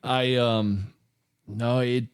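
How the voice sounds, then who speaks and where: A man's voice: medium pitch, fairly even intonation, very slow, smooth. A man co-hosting a podcast in a studio, chatting loosely, joking, laughing and swearing now and then. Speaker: podcast co-host. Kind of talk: casual chat.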